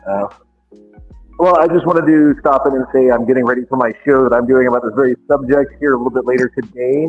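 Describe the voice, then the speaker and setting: A man's voice: mid-range voice, fairly even intonation, quick pace, faint music behind. A man calling in from a gym on his phone, his voice muffled as if heard through a wall. He talks casually and repeats short words. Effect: muffled phone audio, as if heard through a wall. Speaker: caller. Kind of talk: casual chat. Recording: muffled tinny phone line.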